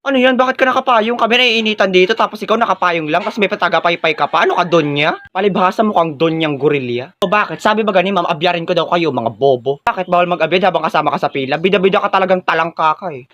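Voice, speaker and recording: A man plays every character in a rapid comic skit, bouncing his voice from squeaky highs to gruff lows as he trades lines with himself. The delivery is playful and exaggerated throughout. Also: fairly bright tone, highs cut off. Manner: switches between many playful character voices, jumping high and low. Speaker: comedy sketch creator.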